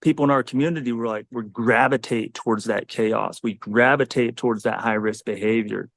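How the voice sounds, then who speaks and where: A man's voice: mid-range voice, steady tone, brisk, creaky. A man in his forties, a Navy SEAL, talking earnestly and reflectively in a podcast conversation.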